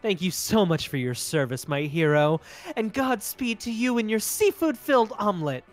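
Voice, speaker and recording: A man's voice: high-pitched, very animated, normal speed, soft background music, voice pushed up. A man voicing a haughty, bloodthirsty mermaid princess from a dating game, with a regal, condescending manner.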